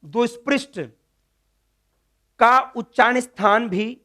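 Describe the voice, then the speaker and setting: A man's voice: extremely high pitch, takes it slowly, sharp tone. A man teaching Sanskrit grammar in a classroom lecture, repeating key words and putting questions to the class that he then answers himself. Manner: asks students questions and answers them himself.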